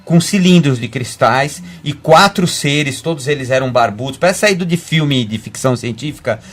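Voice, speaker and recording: A Brazilian man, a guest medium, talking fast in a rambling way with many restarts on a web radio show. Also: medium pitch, animated. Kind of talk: casual radio talk.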